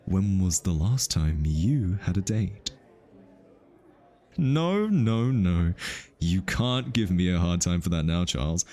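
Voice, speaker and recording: In an ASMR roleplay, a male voice actor plays a smitten hitman who teases but gets flustered easily, stammering and backtracking as he turns defensive. His voice sits low and warm, very animated, slow, and heavily acted.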